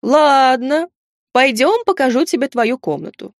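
A woman's voice: sits high, animated, measured pace, no room sound, clean studio sound, pitched above the performer's own voice. A woman voicing a pompous, condescending ancient male owl-like creature who runs a magic shop, in a storybook reading. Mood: gruff. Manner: haughty, condescending.

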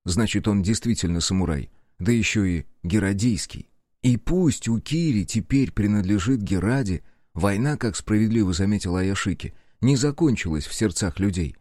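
A male narrator reads an audiobook with measured, even storytelling. His voice sits on the low side, and the recording is close and dry. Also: no room sound. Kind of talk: scripted narration.

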